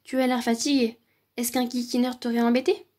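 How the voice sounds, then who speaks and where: A woman's voice: on the high side, flat delivery, fairly quick, a little mellow, lightly acted. A woman voicing a stern but kind male schoolteacher in a read-aloud children's story, speaking firmly and reassuringly. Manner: firm, reassuring classroom address.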